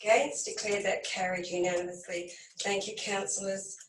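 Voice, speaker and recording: A woman with a croaky voice chairing a council meeting as mayor, reading through the agenda items briskly. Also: mid-range voice, flat delivery, slight background noise. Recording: echoey room from a distance.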